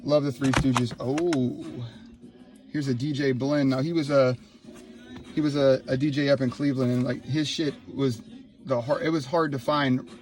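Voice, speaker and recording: A man in his thirties, from Ohio, filming a casual vlog in his laundry room on a handheld phone, excited and rambling. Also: medium pitch, moderate pace. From Ohio, USA. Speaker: YouTuber. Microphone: handheld phone, no tripod.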